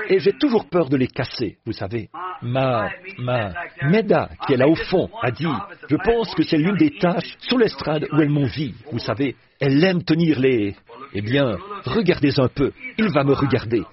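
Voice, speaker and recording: An older man preaches to a church crowd in a folksy, joking manner, his voice rising and falling with real liveliness. The sound is muffled and dull, like an old tape, and the congregation is audible behind him. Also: mid-range voice. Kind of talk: sermon. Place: church platform before a congregation. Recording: muffled old recording, audience heard.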